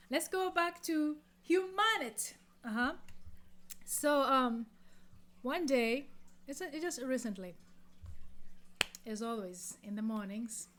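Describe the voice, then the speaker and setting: A woman's voice: on the high side, a little slow, long pauses, a bit bright, slight background noise. A middle-aged woman from Tanzania, hosting her own podcast and telling a story in a casual, chatty way with many fillers and restarts. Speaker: podcast host.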